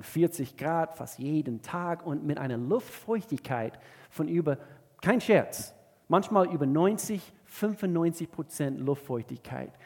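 A male pastor from the southern United States, preaching an earnest sermon in German with many halting restarts. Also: on the high side, a little mellow, long reverb tail. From Georgia, southern USA.

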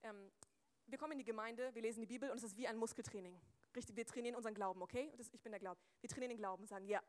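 A woman preaches a sermon with a fairly high voice, talking close into a microphone. She is lively and chatty, acting out small scenes and throwing quick asides to her listeners.

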